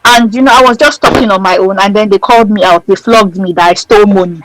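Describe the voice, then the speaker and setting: A woman's voice: mid-range voice, fast, no echo, poor audio. A woman in her thirties with a Nigerian accent, telling a story as an interview guest in a bold, dramatic way. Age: 30s. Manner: lively and dramatic, acting out the people in her story; bold and emphatic. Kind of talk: animated storytelling.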